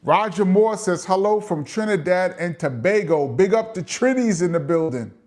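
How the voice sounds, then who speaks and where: A middle-aged man with a New York accent talks casually through a live chat, reading viewer comments aloud. His voice sits a little high for a man. He talks chattily, with plenty of "um"s and laughs along the way. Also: animated, normal speed, a little mellow. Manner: chatty, laughs often, lots of "um" fillers.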